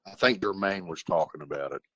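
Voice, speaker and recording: A man on a group call whose connection keeps breaking up, talking haltingly and repeating words as the line cuts out. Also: deep voice, bright, forceful tone, no echo, highs cut off. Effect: breaking-up call connection, choppy and cutting out. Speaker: caller joining a group call. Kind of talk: casual chat. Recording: distant, dropping-out call audio.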